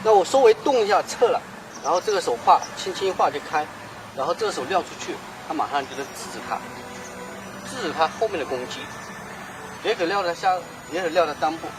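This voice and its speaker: A man gives an emphatic explanation while demonstrating self-defense moves from martial arts, throwing in rhetorical questions. He sounds animated and talks a little fast in a fairly high voice, and traffic noise is audible in this outdoor recording.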